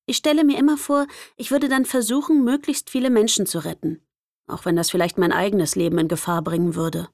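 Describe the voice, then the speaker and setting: Gravelly-voiced young woman narrator. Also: mid-range voice, steady tone, brisk, darkish tone, dry recording, clean studio sound. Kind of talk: first-person audiobook narration.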